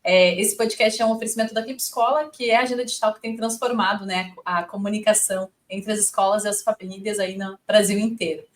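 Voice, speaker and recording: Podcast host: a woman who talks fast and friendly. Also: medium pitch, steady tone. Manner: warm thanks, fillers, friendly. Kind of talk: podcast interview.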